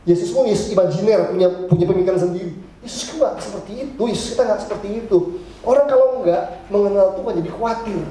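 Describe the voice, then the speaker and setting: A middle-aged male pastor giving a lively, joking sermon, acting out his congregants' complaints. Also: high voice, fast talker, slight background noise. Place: church hall. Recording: very echoey church hall.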